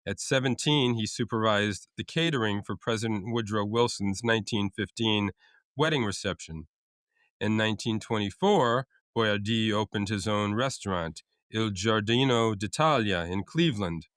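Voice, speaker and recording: A man's voice: lowish voice, moderate pace, a bit bright, dry recording, clean studio sound. A man co-hosting a casual podcast, reading out food trivia with frequent uhs and restarts. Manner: reads out facts with many uhs and restarts. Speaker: co-host.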